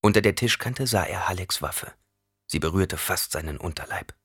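A man reading an audiobook as narrator in an expressive storytelling manner. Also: sits low, moderate pace, breathy edge, dry recording, studio quality. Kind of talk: scripted narration.

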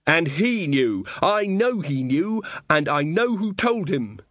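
A sulking, resentful young bride, put on by a male narrator, clipped and sharp. The voice sits higher than his own and slightly louder. The sound is dry and close to the mic. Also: big pitch swings, slow pace, no room sound, full character voice. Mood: angry.

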